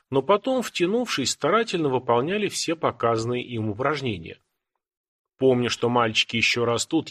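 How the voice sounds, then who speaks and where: Husky male audiobook narrator. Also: mid-range voice. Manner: steady storytelling. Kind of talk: scripted narration.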